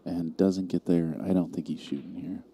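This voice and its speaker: Low dark-voiced male pool commentator. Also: moderate pace, a little hiss or hum. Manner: calm, analytical shot-by-shot calls. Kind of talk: live sports commentary.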